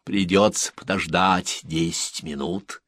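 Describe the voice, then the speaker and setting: A man voicing a small, gentle male alien messenger who speaks in a soft whisper, from an audiobook. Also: sits low, steady tone, slow, no room sound. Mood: whispered, kindly.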